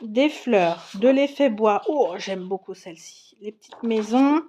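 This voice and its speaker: Slow, chatty woman showing craft supplies. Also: mid-range voice, lively intonation, mellow, slight background noise. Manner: chatty, frequent fillers and restarts, enthusiastic. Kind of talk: casual product show-and-tell.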